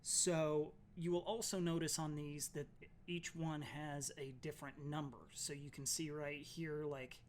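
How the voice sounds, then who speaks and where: A chatty miniatures hobby YouTuber gives a casual tutorial on building tabletop miniatures, his voice a touch higher than most men's. Allergies make him slightly raspy and softer than usual, and his unhurried, flat delivery is full of ums and uhs. A little hiss or hum is audible.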